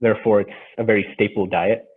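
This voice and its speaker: A man giving an informal presentation, speaking in a hesitant, halting way. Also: on the low side, steady tone, husky. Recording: tinny, phone-like narrow band.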